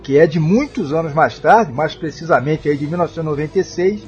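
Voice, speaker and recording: A man hosting a radio music show, introducing tracks in a relaxed, conversational way. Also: on the high side, brisk. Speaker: radio host. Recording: muffled sound with faint music.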